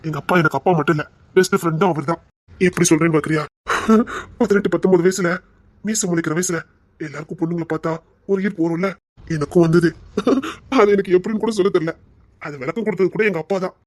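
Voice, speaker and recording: Guy doing a soft-spoken devoted young lover, husky voice, calm and insistent. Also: high-pitched, fast, no echo. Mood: fond, reminiscing. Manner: tender, soothing, insistent. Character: devoted young man, protective and reassuring. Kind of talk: romantic drama acting.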